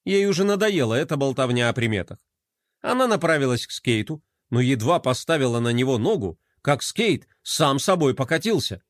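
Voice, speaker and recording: A man reading a children's story aloud in an expressive storytelling manner. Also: mid-range voice, moderate pace, no room sound, studio quality. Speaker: narrator. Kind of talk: scripted narration of a children's story.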